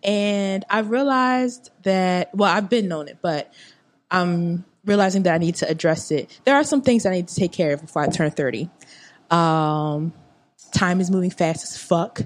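A woman's voice: lowish voice, moderate pace. A woman in her late twenties chatting casually on a podcast, rambling with lots of fillers and asides. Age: 20s. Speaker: podcast guest. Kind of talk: casual chat.

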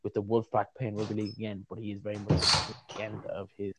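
A man's voice: lowish voice, fast, heavy background noise. Man chatting on a podcast. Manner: animated, puts on voices when telling stories. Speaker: podcast co-host. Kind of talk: casual chat.

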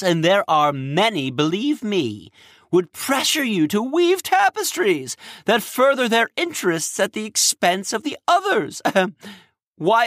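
A man voicing a nervous, excitable male king of the gods who speaks urgently and shakily. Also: high voice, no room sound, studio quality, voice pushed up, exaggerated voice. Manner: urgent, rising, shaky.

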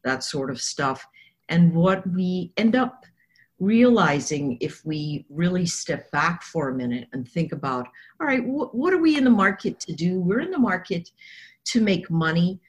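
A woman with a hoarse, froggy smoker's rasp gives conversational market commentary, rambling and thinking aloud as she goes. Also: on the low side, big pitch swings, measured pace. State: hoarse from coughing. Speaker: trader and technical analyst guest.

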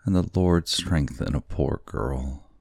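A man's voice: slow pace, creaky, darkish tone, slightly rough, no echo, studio quality, full character voice. A man reading an audiobook, voicing a frightened, desperate young wife in a trembling, raised voice. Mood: pleading. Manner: pleading, trembling, raised pitch.

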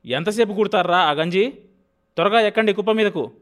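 A man voicing a stern, bossy young farmer who shouts orders at his laborers in an audiobook. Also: on the high side, moderate pace, voice pushed up, natural voice. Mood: commanding. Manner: loud, commanding, scolding. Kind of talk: audiobook character voice.

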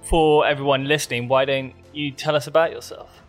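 A man hosting an adventure podcast, reading a measured, announcer-like introduction and asking questions. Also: medium pitch, flat delivery, faint music behind. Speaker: podcast host.

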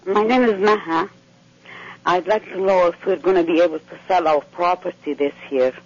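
A man phones in to a radio show, and his voice comes through the phone line higher than most men's. He answers in short, polite, agreeable replies. The line sounds dull and lo-fi. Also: normal speed, no room sound. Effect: caller heard over a phone line on the radio. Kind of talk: call-in question to a psychic.

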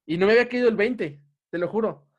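A man's voice: sits high, quick pace, muffled recording. A young man with a Mexican Spanish accent, telling a story in a casual podcast chat and laughing often.

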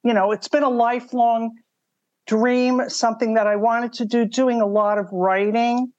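A woman's voice: on the high side, fairly even intonation, moderate pace, darkish tone, no room sound, dull audio. An older woman telling her story conversationally as a podcast interview guest. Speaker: podcast guest, mystery writer.

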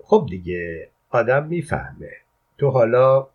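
A man's voice: medium pitch, very animated. A man reading an audiobook, voicing a teasing, coaxing woman in his own plain voice, on a dull lo-fi recording. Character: teasing, flirtatious woman at a fence.

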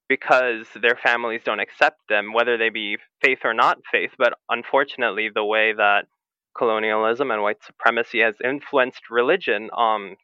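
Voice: mid-range voice, sharp tone, clean tone, no room sound, dull audio. A podcast panel guest speaking earnestly and emphatically, with some "like" and "um". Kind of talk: advocacy talk on a podcast panel.

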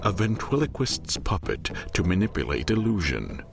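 An actor playing an ominous storybook narrator, delivering theatrical rhyming narration. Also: male voice, low voice, wildly swooping pitch, moderate pace, creaky, music in the background, full character voice.

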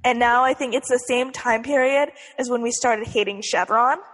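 A woman's voice: fairly high pitch, steady tone, normal speed, fairly bright tone. Bubbly young sorority-girl voice, reverberant recording. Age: young adult. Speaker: podcast co-host. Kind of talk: casual chat. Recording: echoey hall-like reverb.

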